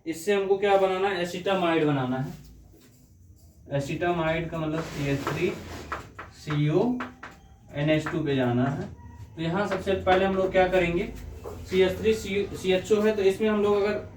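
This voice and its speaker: A man's voice: high-pitched, a little mellow, slight background noise. A male chemistry teacher giving a lecture, working through reactions step by step and asking himself questions as he goes. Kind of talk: classroom lecture on organic chemistry. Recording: echoey room, voice from a distance.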